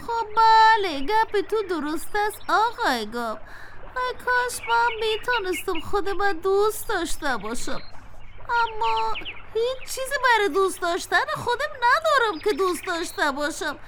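A woman's voice: very high-pitched, big pitch swings, very noisy, voice pushed up, exaggerated voice. A woman voicing a sad young male turkey who hates his own voice, whiny and sighing. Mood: pleading. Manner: whiny, sighing, self-pitying.

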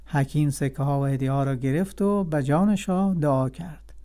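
A man narrates an old tale in a steady, evenly paced storybook manner. His voice is a bit higher than most men's and sounds soft and mellow. It is scripted narration, read aloud with care. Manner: steady, clear storybook telling.

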